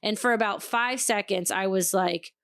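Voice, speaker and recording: A woman co-hosting a podcast tells a story in loose, casual chat. She is animated and swears freely, acting out the lines of the people in it. Her voice sits at an ordinary pitch, close on the mic in a dry room. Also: moderate pace, clean tone, no room sound. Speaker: podcast co-host.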